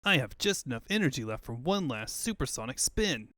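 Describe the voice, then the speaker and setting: A man's voice: medium pitch, big pitch swings, a little fast, pushed and bright, dry recording, studio quality. A man voicing a cocky, laid-back young cartoon hedgehog hero who talks in breezy slang. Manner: breezy surfer-dude slang.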